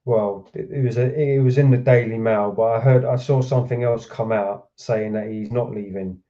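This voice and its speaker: A man's voice: medium pitch, steady tone, normal speed, dark tone. A man hosting a football reaction stream from home, ranting and swearing in frustration. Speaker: football channel host. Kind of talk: angry match reaction. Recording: dull lo-fi sound.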